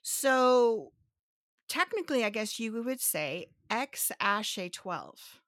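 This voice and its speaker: With lively intonation and a fairly bright voice on the high side, the podcast host speaks slowly, explaining step by step to her co-host. She thinks out loud, restarting and asking rhetorical questions, and Spanish is her native language. The recording is dry and studio quality.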